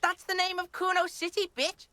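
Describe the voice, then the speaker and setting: Lady voicing a cussing twelve year old brat in a game, high and sharp, bossy third person talk. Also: little pitch movement, normal speed, no echo. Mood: belligerent. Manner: swears constantly, talks about himself in third person. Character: foul-mouthed twelve-year-old boy, hostile. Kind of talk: video game dialogue.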